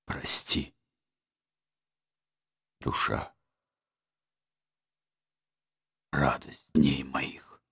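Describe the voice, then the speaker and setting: A man voicing an honorable young prince who speaks quietly and firmly. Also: extremely low pitch, no echo, studio quality, exaggerated voice. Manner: quiet, firm, hushed farewell.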